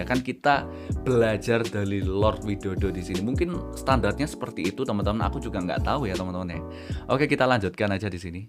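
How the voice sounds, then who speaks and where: Chatty low-voiced man explaining over guitar music. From Indonesia. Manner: chatty, often addresses viewers as friends. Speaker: VTuber host of an educational reaction stream. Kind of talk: casual commentary and explaining to viewers.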